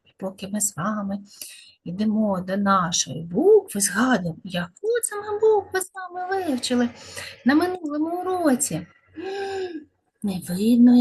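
A woman speech therapist talks small children through a lesson, stretching out each word in a slow, sing-song way. Her voice sits high and a little breathy.

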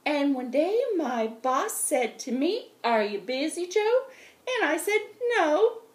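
A middle-aged woman, a children's librarian, leading a storytime finger play in an animated, sing-song way, filmed on a laptop webcam in a small room at home. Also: sits high, takes it slowly. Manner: animated, sing-song chanting with big hand gestures.

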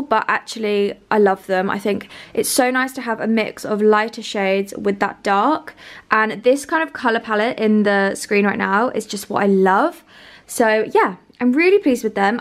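A young woman chatting casually in her flat for a vlog, enthusing about her rooms with lots of ums and likes. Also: medium pitch. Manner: gushing, filler-heavy, enthusiastic. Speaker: home vlogger. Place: bedroom and kitchen of a rented flat, indoors.

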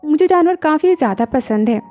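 A woman's voice: sits high, lively intonation, moderate pace, darkish tone, faint music behind. A woman voicing a poor, cheeky young wife who talks slyly.

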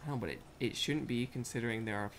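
A woman's voice: extremely low pitch, fast talker, very noisy. A young woman playing a video game with a friend, blunt and sardonic, swearing freely as she complains about the game. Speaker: let's play co-host. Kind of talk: casual gameplay chat.

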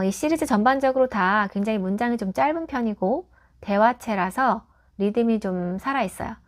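A woman reviewing a children's picture book, explaining it patiently and clearly and modelling English pronunciation tips. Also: medium pitch.

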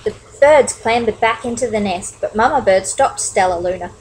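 A woman reading a children's picture book aloud, expressive, with chatty asides to young listeners. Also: mid-range voice, normal speed, a little hiss or hum, low-quality recording. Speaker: storybook reader. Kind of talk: children's story read-aloud.

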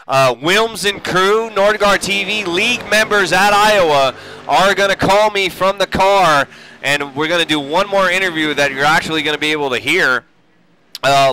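A male race host with a bright, ringing voice that sits a little high. His tone is clean and smooth as he calls the action in upbeat, joking live-stream commentary. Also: low-quality recording.

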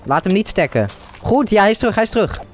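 A man giving rapid, casual play-by-play commentary on a game. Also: sits high, big pitch swings, soft background music.

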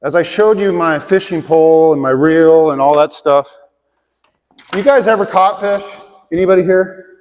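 A man's voice: on the high side, normal speed, a little mellow. A middle-aged man preaching a conversational sermon to a congregation in a large church auditorium, asking them direct questions. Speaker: pastor. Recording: long hall reverb.

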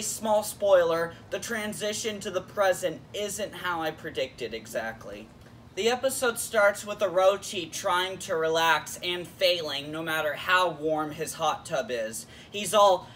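A man's voice: sits high, sharp tone, far from the mic, a little hiss or hum. A man hosting a casual YouTube episode review in a jokey, playful way. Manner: jokey, playful, switches into silly voices.

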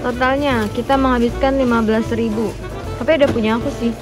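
Her voice fairly high and fairly even in intonation, a young woman talks at a quick pace while filming a shopping vlog in a supermarket and later her home dining room. She's casual and upbeat, explaining as she goes, with background music underneath.

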